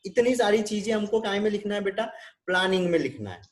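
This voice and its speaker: A man's voice: high-pitched, expressive, quick pace. A man with an Indian accent teaching a nursing class over a video call, often checking with his students and mixing in English terms. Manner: switches between Hindi and English. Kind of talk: online class lecture.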